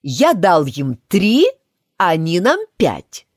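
A woman's voice: on the low side, huge pitch swings, slow, darkish tone, no echo, full character voice. A woman voicing a pompous, fussy king in a storybook reading, in a dry recording. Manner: fussy, triumphant, self-satisfied. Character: blustering pompous male king.

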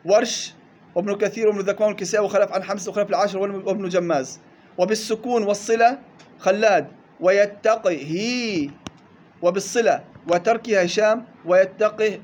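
Brisk high-voiced teacher. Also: male voice, a little mellow, slight background noise. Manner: lists reading variants briskly, drawing out recited words slowly. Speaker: Quran recitation teacher. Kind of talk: classroom tajweed lesson.

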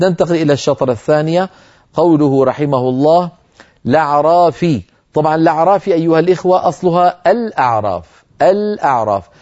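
A man's voice: fairly high pitch, mellow. Dull-toned male Quran teacher. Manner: explains slowly and chants quoted verses. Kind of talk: televised religious lesson.

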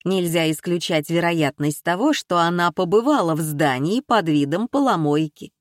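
Woman reading male detective, brisk, commanding, calm, dry sound. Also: fairly low pitch, dry recording, close to an everyday voice. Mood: reasoning. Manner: brisk, giving orders.

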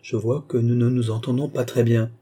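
A man's voice: mid-range voice, level tone, normal speed, mellow, slightly rough, natural voice. A man reading an audiobook, voicing an aging, impatient French king who questions with ironic exasperation.

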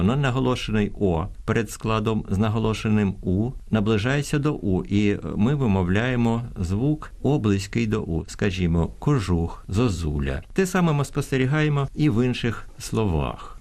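A middle-aged man, a linguistics professor, explaining pronunciation rules in a measured, lecturing way on a radio interview. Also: on the low side, a little mellow. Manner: measured, lecturing, spells out example words slowly.

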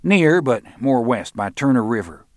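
A man's voice: mid-range voice, very animated, normal speed, dry recording, clean studio sound, voice pushed up, natural voice. A man voicing a crude, boastful middle-aged swamp guide with a drawl and profane talk.

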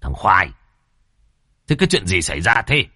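A man doing a gruff, bossy old landowner. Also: low voice, very animated, moderate pace, pushed and bright, dry recording, studio quality, full character voice. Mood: scolding. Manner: barking, scolding.

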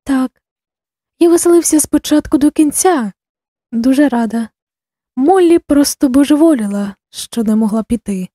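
Jovial stranger man at a ball, hearty, read by a woman, mellow and breathy. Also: sits high, lively intonation, moderate pace, dry recording, studio quality.

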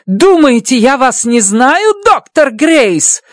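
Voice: mid-range voice, expressive, normal speed, dry recording, clean studio sound, pitched above the performer's own voice, lightly acted. A reader voicing a stern, domineering woman mission chief who barks orders in an audiobook. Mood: scornful. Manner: shouting, harsh and domineering. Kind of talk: audiobook character voice.

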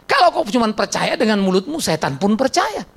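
Preaching a blunt, emphatic sermon in church, a male pastor fires rhetorical questions at the congregation. His gravelly, husky, fairly bright voice moves a little fast, and his pitch swings sharply whenever he stresses a point.

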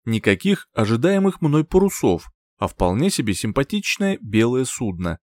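A male audiobook narrator with a mid-pitched voice who reads a first-person fantasy story expressively. His intonation swings widely from line to line, and the sound is dry and close. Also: normal speed, no echo. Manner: expressive, lively reading.

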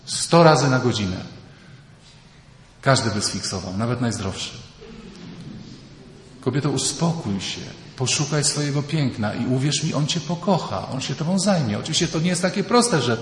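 A man preaches a retreat talk in a big echoing hall, with a long tail of reverb behind his voice. His delivery is animated, dipping low and rising high as he acts out quoted voices. A faint hum of the room sits underneath. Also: normal speed. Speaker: priest giving a retreat talk. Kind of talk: lively retreat sermon with acted quotes. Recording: echoey hall, faint ambience.

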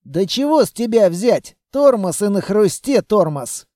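A man voicing a wiry, bossy male scavenger who talks gruffly in rough slang, read for an audiobook. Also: sits high, sing-song, a little slow, dark tone, dry recording, clean studio sound. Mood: scornful. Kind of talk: audiobook character voice.

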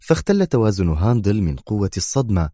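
A man narrating a story in expressive, scripted narration. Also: lowish voice, quick pace, no echo, studio quality. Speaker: audiobook narrator.

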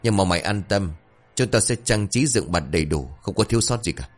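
A man's voice: fairly low pitch, fairly quick, faint music behind. Man doing a stern old clan elder. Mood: admonishing. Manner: calm, admonishing.

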